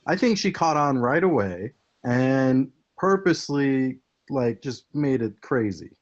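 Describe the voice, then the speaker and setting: A man's voice: mid-range voice, sing-song, unhurried, highs cut off. A man co-hosting a casual podcast, speaking in an easygoing way with some hesitation. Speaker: podcast co-host. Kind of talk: casual conversation.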